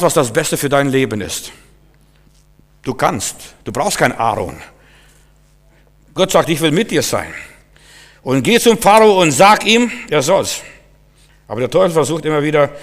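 Man, preacher, sermon, dramatic loud-to-hushed swings, acts out quoted voices, slightly high voice, long hall reverb.

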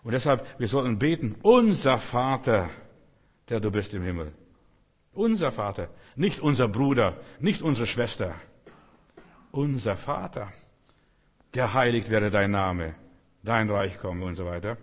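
A man's voice: on the low side, animated, a little slow, pauses often. A man preaching a sermon, emphatic, repeating key phrases and acting out the voices he quotes. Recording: long hall reverb.

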